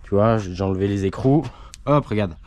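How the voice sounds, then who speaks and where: A man's voice: lowish voice, fairly quick, darkish tone. A man casually commenting in slangy, chatty talk to his viewers while he repairs a car in a workshop. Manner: slangy, chatty, talks to viewers mid-task. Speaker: amateur mechanic vlogger. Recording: noisy workshop with tool clicks.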